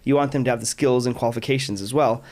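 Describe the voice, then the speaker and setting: A man's voice: medium pitch, fairly even intonation, quick pace, darkish tone. Chatty, upbeat male podcast host. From Utah, United States. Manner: chatty, enthusiastic, many restarts and fillers. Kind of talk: casual interview chat.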